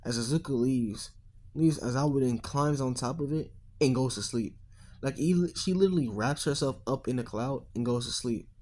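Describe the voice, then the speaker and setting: A man's voice: mid-range voice, moderate pace, a little mellow. A man narrating a fan-made what-if story in a rambling, slangy, profane way, often losing track of his words. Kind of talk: casual improvised storytelling.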